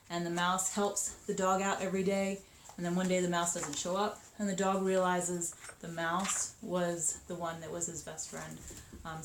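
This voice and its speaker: A woman in her thirties chatting upbeat about children's books, with lots of ums and quick asides. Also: on the low side. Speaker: children's book seller. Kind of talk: casual book showcase. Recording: echoey room with faint noise.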